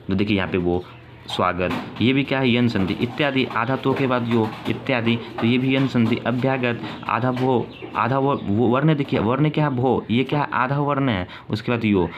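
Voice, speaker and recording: A male teacher giving a grammar lesson, repeating his points and asking questions that he answers himself. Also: medium pitch. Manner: repetitive, asks questions and answers them himself. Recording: dull lo-fi sound with faint ambient noise.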